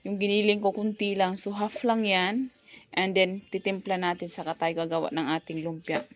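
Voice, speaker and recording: Filming on her phone in her home kitchen, a mom vlogs while cooking, chatting casually in a mix of Tagalog and English. Her voice is mid-range, flat in delivery, and moderately paced.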